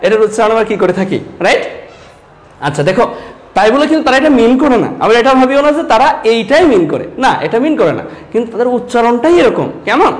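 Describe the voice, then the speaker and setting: Guy teaching bangla online, highish voice, keeps asking the class questions. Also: animated, fast talker. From Sylhet, Bangladesh. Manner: repetitive questioning, addresses students directly. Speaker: Bengali teacher.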